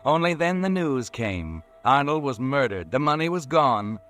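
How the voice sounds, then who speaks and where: A man playing the Whistler, an eerie, all-knowing narrator who walks by night, telling the story slowly and ominously in a 1940s radio drama. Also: mid-range voice, big pitch swings, fairly bright tone. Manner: slow, ominous, measured storytelling. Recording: old radio recording with faint music.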